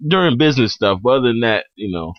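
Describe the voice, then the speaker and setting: A man's voice: medium pitch, fast, no room sound. A young man from Cleveland with a Cleveland accent telling a funny story in casual chat, acting out what people said. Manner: animated, acts out quotes, laughs often. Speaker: guest. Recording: dull lo-fi dry sound.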